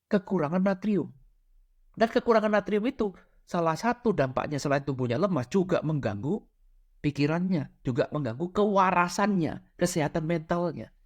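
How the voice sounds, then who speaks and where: A calm doctor patiently explains an illness, as a man with a high voice quotes him in a spiritual lecture. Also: normal speed. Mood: explaining.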